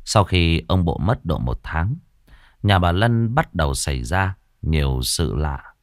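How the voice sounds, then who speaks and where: Male audiobook narrator, very low voice, lively melody, dry close sound, dramatic ghost story. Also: a little slow, no echo.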